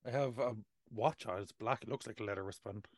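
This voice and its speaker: A man's voice: lowish voice, fairly quick, dry recording, clean studio sound. A man in his thirties with an Irish accent, hosting a casual comedic podcast in a playful, self-mocking way. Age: 30s. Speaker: podcast host.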